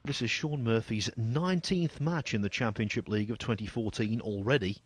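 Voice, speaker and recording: Hushed, slightly husky male snooker commentator. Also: fairly low pitch, no room sound. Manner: measured, understated.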